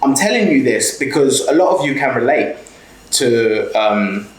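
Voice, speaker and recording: Expressive and unhurried, a medium-pitched man in his twenties with a South London accent addresses the camera with blunt, sweary motivation, leaning on "okay?" again and again. He's a small business owner and mentor, heard on a rough, reverberant recording.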